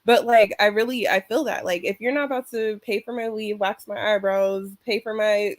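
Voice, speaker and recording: A woman's voice: medium pitch, steady tone, normal speed, dry recording. Blunt, chatty young woman on a call. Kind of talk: casual panel discussion. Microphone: video call.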